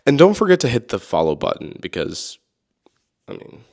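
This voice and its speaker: A man's voice: on the low side, wildly swooping pitch, moderate pace, creaky, over loud music. A man giving teasing, motivational dating advice to his audience. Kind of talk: motivational talk.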